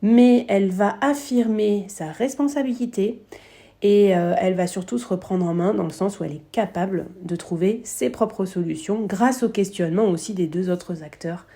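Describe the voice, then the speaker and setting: A woman's voice: mid-range voice, normal speed, mellow. A woman with a French accent giving a business coaching lesson, explaining ideas with emphasis and acting out short quoted examples.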